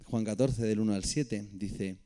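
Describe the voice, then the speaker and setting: Low, mellow-voiced Spanish preacher. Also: male voice, fairly even intonation, unhurried. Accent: Peninsular Spanish. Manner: conversational, reads verses aloud with asides to listeners. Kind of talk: Bible study sermon with scripture reading.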